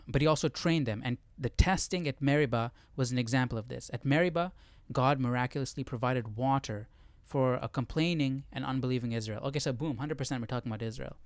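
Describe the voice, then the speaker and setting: Speaking in a mid-range voice with no echo, this man runs a laid-back livestreamed Bible study. He thinks out loud informally and reads passages aloud, going through them one step at a time.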